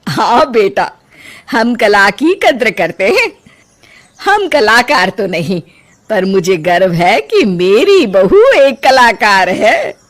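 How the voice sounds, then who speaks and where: Cartoon mother-in-law, motherly and loud, lively pitch, voiced by a woman. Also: takes it slowly. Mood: worried, proud. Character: kindly older mother-in-law, warm and proud.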